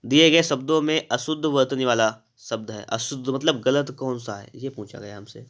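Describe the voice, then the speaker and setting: A man teaching a spelling lesson for exam preparation, explaining each answer step by step and slowly repeating the key words. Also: mid-range voice, a bit bright. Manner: addresses students directly, with frequent "thik hai" checks. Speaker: Hindi grammar teacher.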